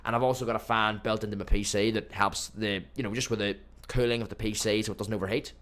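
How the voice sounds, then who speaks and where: A man's voice: fairly low pitch, fast. A young man hosting a live football watchalong from his home streaming room, chatting to viewers and reacting to the match. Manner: chatty, addresses chat as boys and mate, bursts into excited match reactions. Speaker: livestream watchalong host.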